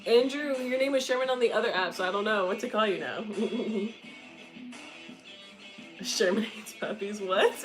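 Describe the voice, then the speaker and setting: A woman's voice: medium pitch, measured pace, long pauses, over music, rough recording. A young woman chatting casually with her stream viewers, candid and swearing freely, with frequent giggles. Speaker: streamer answering viewer chat. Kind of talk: casual livestream chat.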